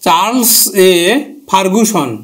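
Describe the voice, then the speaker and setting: A man's voice: sits high, slow, slightly rough. A man teaching a grammar lesson who repeats key terms and asks and answers his own questions.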